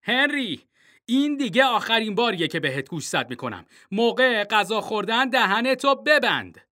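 A man's voice: sits high, lively intonation, pushed and bright, voice pushed up. A man voicing a stern, short-tempered father who barks orders in a storybook reading.

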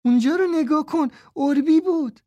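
A man doing an excited young girl. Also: extremely high pitch, no echo, pitched above the performer's own voice. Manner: shouting excitedly.

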